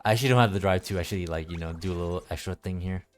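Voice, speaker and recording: Sitting low in pitch, a man's voice carries casual commentary over a game he's streaming, with the soundtrack behind him. He thinks aloud haltingly, drifting from point to point and repeating his words.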